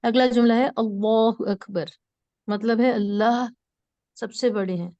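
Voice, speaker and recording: High-pitched woman teaching, dry sound. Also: fairly even intonation, dark tone, dry recording, muffled recording. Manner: explains slowly, repeats words for emphasis. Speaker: Arabic teacher. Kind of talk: online class lecture.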